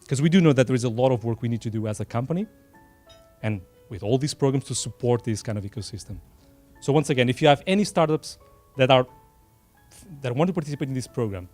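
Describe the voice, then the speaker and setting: This event sponsor, a middle-aged Portuguese man, has a medium-pitched, somewhat mellow voice recorded with no room sound. In a small room at a dinner, he delivers an earnest, off-the-cuff speech in his Portuguese accent, poking fun at himself now and then.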